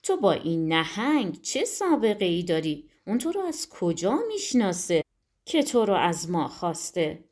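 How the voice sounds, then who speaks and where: A woman's voice: fairly low pitch, big pitch swings, darkish tone. A woman playing a bossy ship captain. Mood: urgent. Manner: urgent, calling out orders. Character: gruff ship captain, middle-aged man, bossy.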